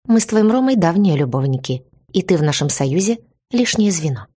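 A woman's voice: lowish voice, expressive, fairly quick, warm tone, breathy edge. A woman voicing a brazen, mocking young woman who betrays her friend, with a ringing voice and a smug, taunting way of talking.

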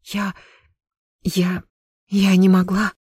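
A reader voicing a young noble lady in an audiobook, speaking in halting, stammering pleas. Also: medium pitch, monotone, a little mellow, husky, no echo, clean studio sound, exaggerated voice. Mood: frightened. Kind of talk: audiobook narration.

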